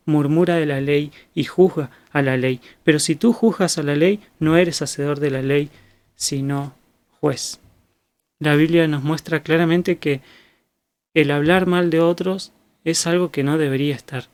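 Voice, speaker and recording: A man with a Rioplatense Spanish accent giving an expository Bible teaching in a measured, methodical way. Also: a little high. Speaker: preacher.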